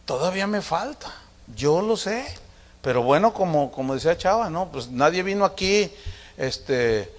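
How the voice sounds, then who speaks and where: Middle-aged man, pastor, chatty sermon with acted-out family anecdotes, fairly high voice, long hall reverb. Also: animated, moderate pace. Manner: conversational storytelling, acting out family dialogue with humor.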